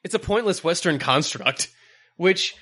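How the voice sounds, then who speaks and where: Male podcast host, slightly high voice, casual and rambling, laughs a lot. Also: animated, unhurried, fairly bright tone, slightly rough. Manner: rambling, laughs often, many fillers.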